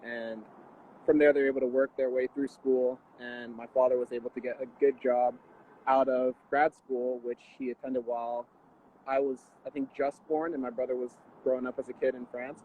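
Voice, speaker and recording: A young man from the D.C. area answers interview questions over a video call that sounds tinny and phone-like. His delivery is measured and thoughtful, and his pitch stays quite flat. A faint hum of noise sits under the line. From Washington D.C. area, USA. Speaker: guest athlete.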